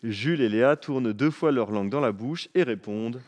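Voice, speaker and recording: A man narrating a children's story with an expressive, lively reading. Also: mid-range voice, brisk.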